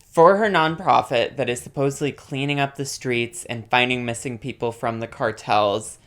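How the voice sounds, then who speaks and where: A woman's voice: rumbling low, fairly bright tone. A woman co-hosting a podcast, chiming in with sarcastic remarks in casual chat. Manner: sarcastic, quick to chime in. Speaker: podcast co-host.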